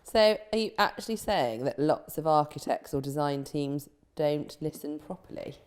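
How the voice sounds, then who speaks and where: A woman's voice: low-pitched, animated, normal speed, a little mellow, smooth. A woman interviewer asking brief, probing follow-up questions.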